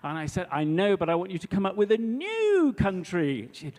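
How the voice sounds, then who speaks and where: A man's voice: sits high, very animated, moderate pace, darkish tone, big-room sound. A man in his fifties, an English language teacher, telling an anecdote at a conference talk and checking in with his audience. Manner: chatty storyteller, checks in with the audience. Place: hall before a live audience.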